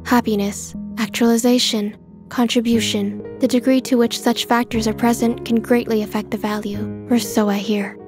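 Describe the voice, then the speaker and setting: A woman with a fairly high, level, near-everyday voice speaks at normal speed over background music. In a scripted manga dub, she plays a polite, detached clerk at an appraisal office, sounding formal and businesslike.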